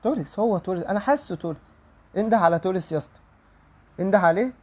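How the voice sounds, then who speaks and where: Young egyptian man, pack-opening commentary, pleading and excitable, fairly high voice. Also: racing. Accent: Egyptian Arabic. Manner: pleading and excited, repeating wishes aloud. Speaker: gaming YouTuber.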